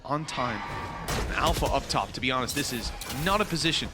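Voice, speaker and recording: A man's voice: medium pitch, lively intonation, fairly quick, over loud music. A man working as an esports caster, commentating a live match with play-by-play and analysis.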